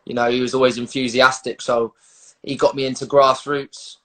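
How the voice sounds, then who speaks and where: A man's voice: medium pitch, level tone, moderate pace, pushed and bright, poor audio. A man with a London accent talking casually as an interviewed footballer, matey and slangy with hesitant phrasing, on a video call. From London, England.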